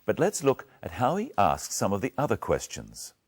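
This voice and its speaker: A male English teacher giving a patient lesson, speaking clearly and drilling words one at a time. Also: on the low side, wildly swooping pitch, moderate pace. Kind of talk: slow, clear lesson narration.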